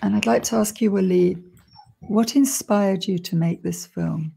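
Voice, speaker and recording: An older woman hosting an online film premiere over a video call, speaking gently and in a measured way with frequent pauses. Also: medium pitch, creaky, a little hiss or hum. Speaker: event host. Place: room indoors.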